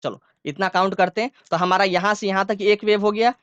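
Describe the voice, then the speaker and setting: A man's voice: sits high, steady tone, brisk, a bit bright, clear, resonant tone, dry recording, dull audio. A man teaching a school science lesson, explaining step by step and often checking that his students follow along. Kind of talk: classroom lecture.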